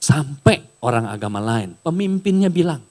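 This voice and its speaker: A middle-aged man preaching a sermon in a casual, animated way, sometimes raising his voice. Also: medium pitch, normal speed. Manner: casual, animated preaching with raised shouted bits. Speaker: pastor.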